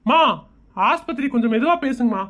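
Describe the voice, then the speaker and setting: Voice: high-pitched, brisk, background noise, close to an everyday voice. A woman voicing an irritated, sarcastic doctor in a comedy cartoon.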